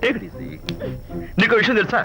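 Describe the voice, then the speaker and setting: An actor playing a charming young hero who talks playfully and jokes in a film scene. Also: male voice, very high-pitched, normal speed, pushed and bright, heavily acted. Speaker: lead hero. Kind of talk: Telugu film acting. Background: film score music.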